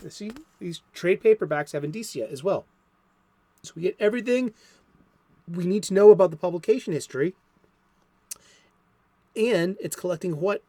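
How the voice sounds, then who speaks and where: With a fairly high, mellow voice and no audible room sound, a man from the Boston area hosts his own casual comic book talk show from a home studio. He speaks with a Boston accent, rambling through many fillers and false starts.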